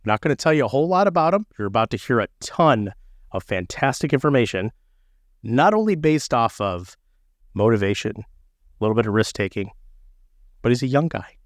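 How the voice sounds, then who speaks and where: A man's voice: medium pitch, big pitch swings, brisk, long pauses, dry recording, clean studio sound. A man hosting a podcast, joking and playful in casual chat. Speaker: podcast host.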